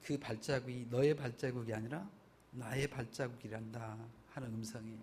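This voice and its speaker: God as a loving father, spoken by a pastor with a low, hushed voice that sits well below his preaching tone. The words are soft and consoling, like comfort spoken close. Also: fairly even intonation, normal speed, slight background noise, lightly acted. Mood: tender.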